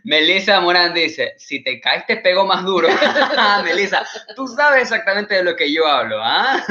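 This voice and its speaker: A man with an Ecuadorian Spanish accent doing animated stand-up comedy, mimicking scolding mothers. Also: high-pitched, unhurried. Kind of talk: stand-up comedy, live stream. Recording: dull, roomy sound.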